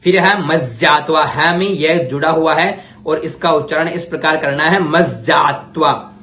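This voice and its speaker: A man's voice: fairly high pitch, pushed and bright, echoey room. A man teaching Vedic ritual, chanting mantras syllable by syllable for his students to copy, then explaining them. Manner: chants mantras slowly, then explains quickly in plain talk. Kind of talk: slow syllable-by-syllable mantra recitation lesson.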